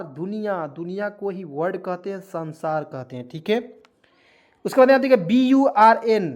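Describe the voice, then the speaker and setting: A male teacher records an online video lesson. He has a patient, steady classroom manner. He spells words out, repeats them, and keeps putting questions to his viewers. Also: sits high. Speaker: English teacher.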